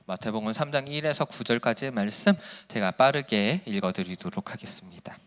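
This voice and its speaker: Bright-voiced man preaching to teens. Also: medium pitch, moderate pace, clear, resonant tone. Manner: casual, playful and slangy with teens; reads scripture quietly, then preaches animatedly. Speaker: youth pastor. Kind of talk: sermon to teenagers.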